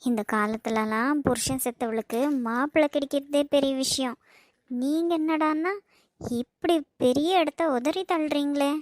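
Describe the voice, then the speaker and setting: A woman's voice: high-pitched, measured pace, no echo, clean studio sound. A woman voicing a bossy, scheming young wife in a cartoon, speaking Kanyakumari Tamil in a cold, threatening way. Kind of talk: cartoon voice acting.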